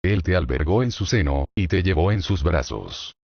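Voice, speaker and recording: A man with a very low, deep voice reads a sermon with solemn, declamatory weight. He builds his points through rhetorical questions. The recording is dull and lo-fi, with no room echo at all. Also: expressive, moderate pace, gravelly. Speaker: sermon reader.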